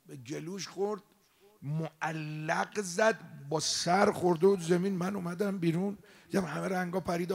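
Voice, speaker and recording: Impassioned preacher, a man with raised pitch. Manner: impassioned, addresses the congregation directly. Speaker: religious eulogist preacher. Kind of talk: emotional sermon storytelling. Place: mosque gathering.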